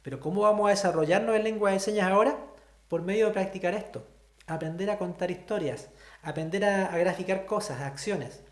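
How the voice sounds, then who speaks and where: Speaking fairly quickly in a high voice, a Chilean-accented man lectures an online sign language class, explaining step by step and repeatedly asking questions. Reverberation colors the audio.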